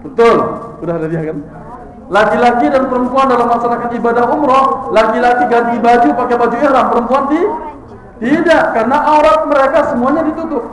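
High-voiced male teacher in an echoey hall. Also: fast. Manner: quizzes the audience and repeats their answers. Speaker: religious teacher. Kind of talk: interactive religious class for teenagers.

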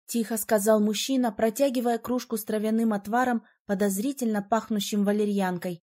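A woman reading a first-person story aloud as audiobook narrator, with expressive, emotional delivery. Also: mid-range voice, fairly quick.

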